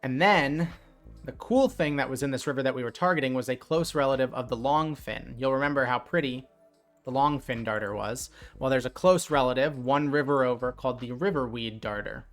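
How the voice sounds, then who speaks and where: A man casually retelling a night fishing trip in a chatty, animated way, with lots of fillers. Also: mid-range voice, a little fast, faint music behind. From New Jersey. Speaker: streamer. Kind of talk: casual storytelling.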